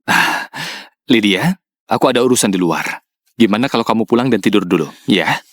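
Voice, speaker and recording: A man's voice: on the low side, lively intonation, fairly quick, fairly bright tone, no echo, clean studio sound. A man voicing a stern, powerful widowed father in a dubbed drama, curt and harsh. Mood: gentle.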